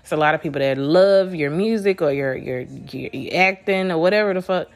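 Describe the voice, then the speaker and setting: On her solo podcast, a Southern woman talks fairly quickly in a low-pitched voice, nasal and congested because of allergies. She's blunt and heavily profane, rambling and restarting as she goes.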